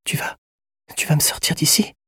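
A man voicing a starving, frightened young woman prisoner in a storybook reading, in a high, faint, half-whispered voice. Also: level tone, fast, fairly bright tone, husky, dry recording, studio quality. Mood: frightened, weak.

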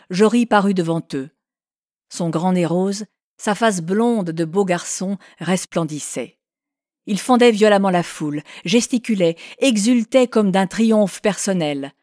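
A woman's voice: lowish voice, dry recording, studio quality. Woman reading a classic novel. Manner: measured, expressive literary reading. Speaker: audiobook narrator. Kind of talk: scripted narration of a novel.

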